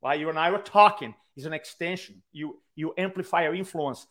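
On the high side and a little fast, this man's speech carries a Brazilian accent. The speaking coach joins a podcast interview over video call from his own room, telling stories with animation and acting out quotes.

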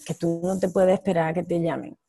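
A woman's voice: on the low side, little pitch movement, fairly quick, vocal fry, dark tone, breathy edge, no room sound, clean studio sound. A woman who works as an actress abroad, talking candidly in an interview and laughing between her thoughts. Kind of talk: casual interview conversation.

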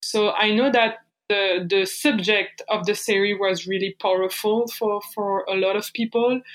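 A woman's voice: mid-range voice, steady tone, moderate pace, rough recording. A woman in her thirties from France with a French accent, answering interview questions hesitantly, with many fillers and restarts. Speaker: paper artist guest.

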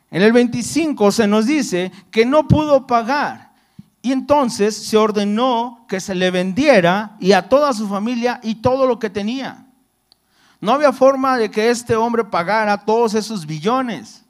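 A man preaching a sermon. He reads a scripture passage, then explains it in a conversational way and keeps checking that his listeners follow. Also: sits high.

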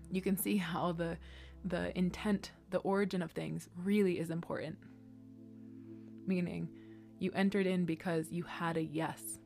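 A woman's voice: lowish voice, darkish tone. A woman giving a casual spiritual talk as an astrology host, speaking reflectively in short phrases, at times guiding and reading aloud.

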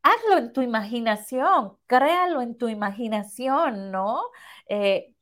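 Supportive Mexican woman, bright high voice. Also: lively intonation, measured pace. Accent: Mexican Spanish. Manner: supportive, recaps what others said. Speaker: podcast panelist. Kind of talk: casual podcast panel talk.

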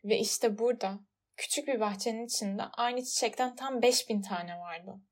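A woman narrating a storybook audiobook in a measured, expressive reading voice. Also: a little high.

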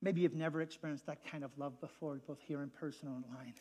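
Animated joking male pastor. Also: fairly high pitch, fast talker, husky. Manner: animated and joking, rising loud at punchlines. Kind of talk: sermon.

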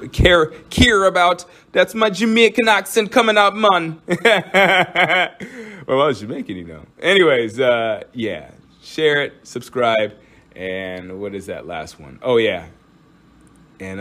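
Bright and forceful, this medium-pitched man's voice carries his solo podcast, where he chats casually, rambles, cracks jokes, and restarts often, with frequent fillers.

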